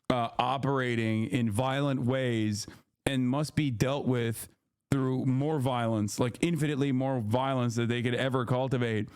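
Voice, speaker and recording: A man's voice: medium pitch, clear, resonant tone. A man giving casual reaction commentary to a debate, sarcastic and mocking in tone.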